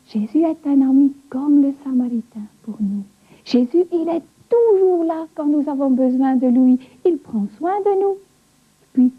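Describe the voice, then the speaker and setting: A woman's voice: high voice, husky. A woman giving a Bible lesson to children in a storytelling way, on tinny tape audio.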